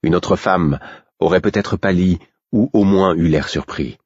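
Narrateur masculin de livre audio, voix très grave et feutrée, lecture sobre, prise sèche. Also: male voice, low-pitched, unhurried, husky, no room sound, muffled recording. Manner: steady, restrained first-person reading. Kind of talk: scripted narration of a fantasy novel.

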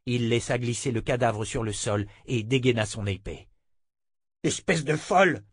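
A man narrating a fantasy audiobook in a steady, measured voice. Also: medium pitch, no echo. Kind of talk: scripted narration.

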